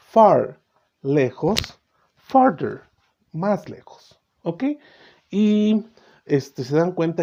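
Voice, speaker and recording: A man's voice: mid-range voice, dark tone. Man teaching English grammar. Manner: switches between Spanish and English, checks in with "¿ok?"; slows down to model English words. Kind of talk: bilingual grammar lesson. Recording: slightly dull recording with faint noise.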